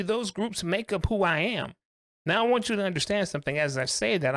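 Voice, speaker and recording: A man co-hosting a podcast discussion, talking earnestly and reflectively in deliberate, emphatic phrases. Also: a little high, sharp tone, dry recording, clean studio sound. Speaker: co-host.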